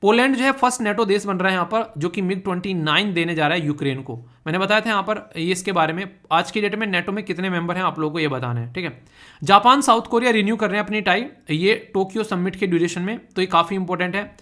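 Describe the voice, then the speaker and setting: A man's voice: high voice, fast talker, sharp tone. Chatty male exam-prep teacher. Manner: chatty, teasing, mixes English terms into Hindi; keeps checking in with students. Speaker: current affairs teacher. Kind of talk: online exam-prep lecture.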